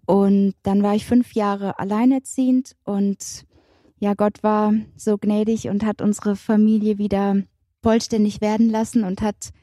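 A woman in her thirties introducing herself on a panel, calm and earnest. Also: mid-range voice, a little slow, no echo, studio quality. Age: 30s. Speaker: panel guest. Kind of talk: personal testimony in a panel talk.

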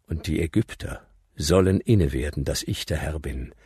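A man voicing God, solemn, grave and measured in his commands. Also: very deep voice, mellow, breathy edge, no room sound, studio quality, exaggerated voice. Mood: solemn commanding. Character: God, deep commanding divine male voice.

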